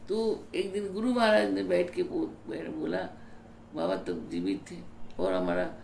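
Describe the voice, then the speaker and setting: A woman spiritual teacher telling her own story in a devotional sermon, repeating key words slowly for emphasis. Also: low voice, creaky, a little mellow, reverberant, slight background noise.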